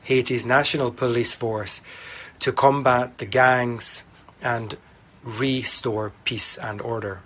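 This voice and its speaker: A man heard as a live interpreter, speaking in a measured, even way. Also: mid-range voice. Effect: interpreter's voice heard over a live feed.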